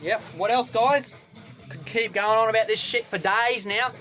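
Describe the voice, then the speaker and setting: A man's voice: high-pitched, normal speed, sharp tone, faint music behind. A young Australian man ranting to camera from a boat, rambling and repetitive, with a combative edge. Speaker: vlogger. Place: on a boat outdoors.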